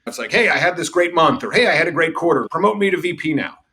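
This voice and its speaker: A middle-aged sales executive on a podcast speaks quickly and expressively in a fairly high voice. He spins confident stories from his working life and mentions that he's a loud talker.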